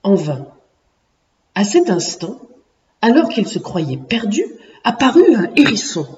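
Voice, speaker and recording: A woman's voice: medium pitch, very animated, unhurried. Woman telling a children's story expressively. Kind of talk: storybook narration. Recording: echoey room, distant muffled mic.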